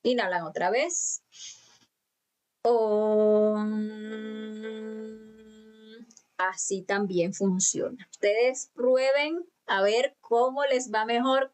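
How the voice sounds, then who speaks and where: A woman teaching a live online lecture, speaking calmly and patiently to students and stretching out chanted syllables. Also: on the high side. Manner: calm, patient instruction with drawn-out chanted syllables; speaks directly to students, many fillers and restarts. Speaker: spiritual teacher. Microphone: computer mic for video conference.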